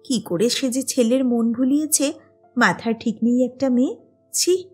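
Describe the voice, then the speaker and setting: A stern, scornful middle-aged lady in an audio story, read by a woman narrator, pausing to lean on each word. Her voice is husky and fairly high, and faint music sits beneath it. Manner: deliberate, stressing each word.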